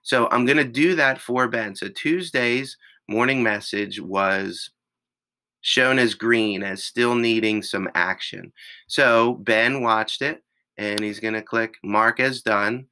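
A male teacher with a raspy voice, patiently walking students through an online classroom step by step. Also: mid-range voice, bright, forceful tone, poor audio. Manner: slow, patient step-by-step explaining. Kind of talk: screen-recorded class tutorial.

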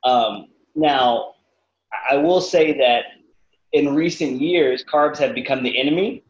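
A man in his thirties, a fitness cook answering interview questions casually over a video call from his living room, lively and acting out quotes. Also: mid-range voice, takes it slowly, a little hiss or hum. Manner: animated, acts out quotes with voices. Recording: roomy, slightly dull video call audio.

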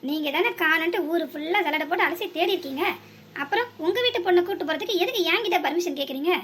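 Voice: very high voice, fast, fairly bright tone. A voice actor playing a confrontational young cartoon hero who threatens the men blocking him, with a southern Tamil accent. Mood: defiant. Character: bold young man defending a girl. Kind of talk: cartoon voice acting.

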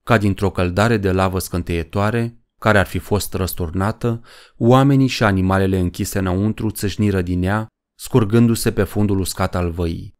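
A man narrating a horror story in a measured, dramatic way. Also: low voice. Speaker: audiobook narrator.

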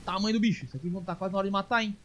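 A man giving casual let's-play commentary, excitable, calling out to viewers and coaxing animals aloud. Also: high voice, rapid-fire, slight background noise. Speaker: gaming streamer.

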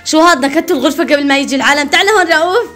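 High, quick-talking playful mom. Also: female voice, fairly bright tone, soft background music. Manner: playful, teasing, laughs often. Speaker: mother and family vlogger. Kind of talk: casual family chat. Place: family home.

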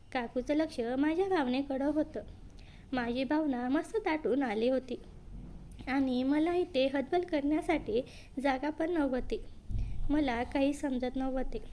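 Woman narrator, high voice, plain even story reading, faint background hum. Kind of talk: first-person story narration.

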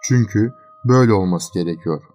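A man voicing a calm, cold young fiancé who talks in a flat, coolly threatening way in a horror storybook reading. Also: lowish voice, a little fast, faint music behind, natural voice.

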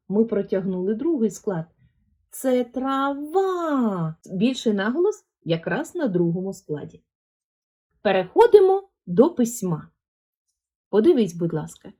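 A woman's voice: medium pitch, dark tone. A woman teaching a handwriting lesson to first graders, speaking patiently and drawing out words to show stress. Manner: slow, patient, sing-song coaching that stretches words to model stress. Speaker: primary school teacher.

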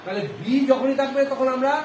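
A man teaching a classroom phonics lesson, with a very high voice. He keeps asking the class questions and drawing each answer out slowly. The room is echoey, with clear background noise. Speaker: primary school teacher.

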